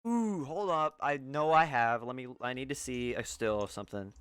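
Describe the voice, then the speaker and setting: A man's voice: mid-range voice, moderate pace, fairly bright tone, smooth, no echo, studio quality. A young man co-hosting a casual film podcast, rambling with lots of fillers and restarts. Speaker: podcast co-host.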